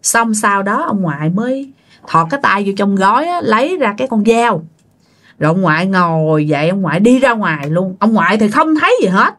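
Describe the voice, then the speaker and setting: A woman's voice: mid-range voice, big pitch swings, fairly quick, fairly bright tone. A woman with a Southern Vietnamese accent telling a ghost story casually, talking straight to her listeners. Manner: chatty, addressing listeners directly.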